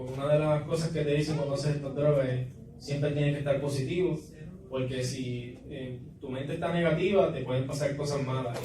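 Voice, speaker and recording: A young man gives a church testimony, stumbling and repeating words as he goes. His voice sits slightly high. He is picked up from a distance in a very echoey hall with clear background noise. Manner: halting, repeats words while storytelling. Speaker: testimony giver. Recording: echoey room, distant mic, noisy.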